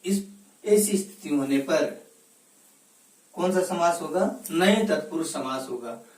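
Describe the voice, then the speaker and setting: A woman's voice: low voice, expressive, slow pace, a little mellow, far from the mic. A woman teacher giving a recorded grammar lesson, repeating each example word and answering her own questions. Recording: roomy echo, voice set back from the mic.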